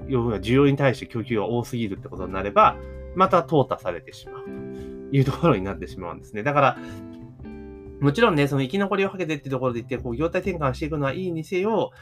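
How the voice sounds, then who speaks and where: A man talks quickly on his own podcast, with a lively voice that swings up and down. He thinks aloud, filling gaps with hesitations and asking listeners rhetorical questions, over faint guitar music. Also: medium pitch. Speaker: podcast host. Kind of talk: casual solo commentary.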